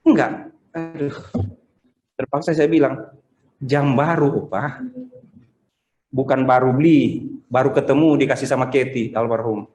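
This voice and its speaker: A man preaching a Sunday sermon in a conversational, animated way, acting out the people he quotes. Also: medium pitch, unhurried, long pauses, echoey room, muffled recording. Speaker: pastor. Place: church service streamed over video call.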